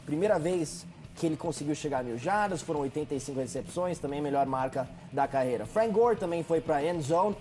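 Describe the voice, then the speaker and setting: A man with a Brazilian accent giving conversational sports highlights commentary as a show analyst. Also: animated, a little fast, few pauses, a little mellow, slight background noise.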